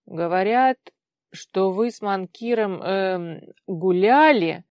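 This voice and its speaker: An irritated, anxious young man, put on by a woman reading the story, loud and exasperated. The sound is dry and close. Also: mid-range voice, takes it slowly, no echo, close to an everyday voice. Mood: grumbling.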